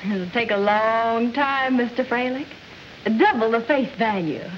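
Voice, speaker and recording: An actress playing a vain, huffy Southern singer. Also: female voice, a little high, a little slow, lightly acted. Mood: coy. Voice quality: affected drawl. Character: vain, indignant young woman singer with a grasping streak. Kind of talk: 1940s film acting. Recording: muffled 1940s film soundtrack with hiss.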